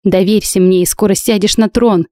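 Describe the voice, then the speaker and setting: A woman's voice: mid-range voice, steady tone, normal speed, dark tone, dry recording, studio quality, lightly acted. A woman doing a cunning male healer. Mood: urgent.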